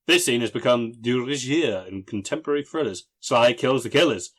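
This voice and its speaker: A man's voice: medium pitch, fairly quick. A man hosting a casual podcast, reading out film reviews and adding emphatic, amused asides. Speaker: podcast host.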